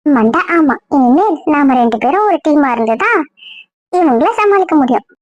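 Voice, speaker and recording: A woman's voice: high-pitched, animated, moderate pace, no room sound. A woman playing a sly young sister-in-law. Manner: conspiratorial. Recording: dull lo-fi dry recording.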